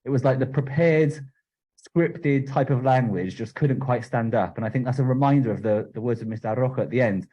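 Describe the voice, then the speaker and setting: A man speaks up from the floor of a conference room, reflective and a little halting, restarting his phrases. His voice is mellow and husky. It comes across muffled and set back from the microphone. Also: medium pitch. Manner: thoughtful, searching for words with restarts. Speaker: audience member at a panel. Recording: muffled, far from the mic.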